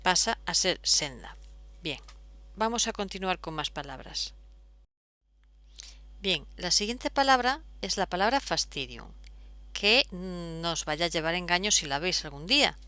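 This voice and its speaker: A woman's voice: on the low side, expressive, measured pace, long pauses, pushed and bright, no echo. A woman, explaining step by step as a teacher, patient, with frequent fillers. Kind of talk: explaining at a whiteboard.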